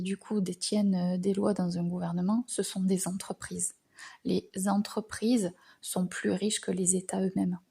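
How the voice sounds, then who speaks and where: Slow, breathy French-born woman musing. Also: mid-range voice, dark tone. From France. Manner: hesitant, frequent filler pauses, words trailing off into whispers. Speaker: astrology channel host. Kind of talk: reflective spoken monologue.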